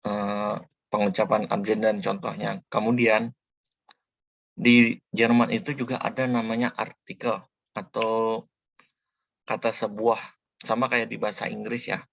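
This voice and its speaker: A man giving a slow spoken language tutorial, patiently repeating each sound several times as a teacher. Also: on the low side, monotone, creaky, no room sound, highs cut off.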